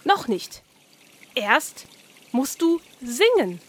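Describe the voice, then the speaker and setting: A woman voicing an excitable, bossy male carp who coaxes in a high, gushing, theatrical way. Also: drawn-out words, husky, full character voice. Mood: exuberant.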